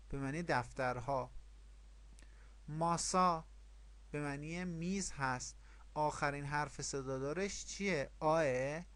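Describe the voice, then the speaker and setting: Fairly high-voiced man teaching a language. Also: a bit bright. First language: Persian. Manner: explains step by step, repeats rules and asks questions. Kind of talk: online language lesson.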